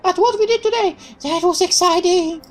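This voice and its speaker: A woman reads aloud as a spirited young female mechanic from a visual novel, speaking at a moderate pace in a high, exclaiming, indignant voice with an eager mood.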